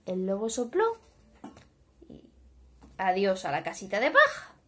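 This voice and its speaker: A woman with a Spanish accent from Spain telling a fairy tale to young children, chatty and animated, often asking the kids questions. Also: medium pitch, measured pace, slight background noise. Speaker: children's storyteller.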